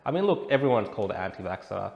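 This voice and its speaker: With big pitch swings and a very fast delivery, a low-voiced Australian protest reporter talks conversationally as an interview guest, frequently saying "you know." The sound is lo-fi, echoey, and carries clear background noise.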